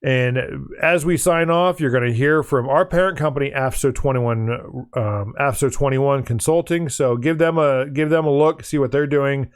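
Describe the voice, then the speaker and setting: A man hosting a podcast, signing off in a rambling, halting way with many ums while he is losing his voice. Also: medium pitch, clear, resonant tone. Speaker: podcast host. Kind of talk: casual podcast sign-off. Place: studio.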